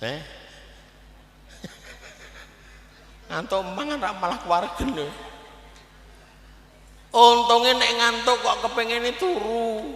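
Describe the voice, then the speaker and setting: A man with a Javanese accent preaching a humorous sermon at a live gathering, lively and joking, often speaking straight to the audience. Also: very high-pitched, slow, long pauses. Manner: lively, switching between preaching and jokes, often addressing the audience. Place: live outdoor religious gathering. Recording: echoey live event sound with long reverb.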